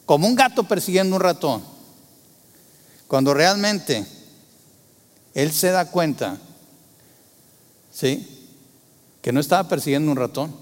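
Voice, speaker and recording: A man preaching a sermon, asking the congregation rhetorical questions and moving between loud emphasis and hushed tones. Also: high-pitched, big-room sound.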